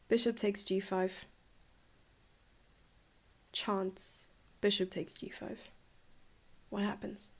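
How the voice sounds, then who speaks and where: Chatty young woman, slightly gravelly voice. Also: medium pitch. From South Africa. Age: 20s. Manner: chatty, enthusiastic, laughs and muses aloud. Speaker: chess coach. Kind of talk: live-streamed chess lesson. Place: home room, indoors.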